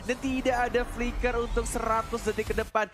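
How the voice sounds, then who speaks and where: A man with an Indonesian accent calling play-by-play as an excited esports caster. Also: very high voice, a little fast. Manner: breathless calls that build to shouting. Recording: loud music bed under voice. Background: music.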